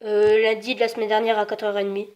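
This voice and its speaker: Over a dull, band-limited phone line, a woman pranks someone by posing as a customer, sounding hesitant yet meekly insistent. Her voice is mid-range and darkish, and she talks fast with a flat delivery.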